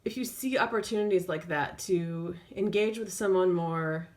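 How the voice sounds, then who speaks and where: A woman gives an improvised, intuitive tarot reading, feeling her way through each phrase with long, drawn-out pauses. Her voice is lowish and a little mellow.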